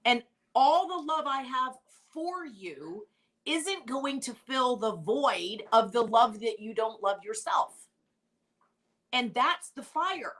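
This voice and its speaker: A woman host with a fairly high voice talks in a heartfelt group conversation. She presses her points by repeating phrases. Her tone is blunt, with mild swearing. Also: very animated, slow pace, fairly bright tone.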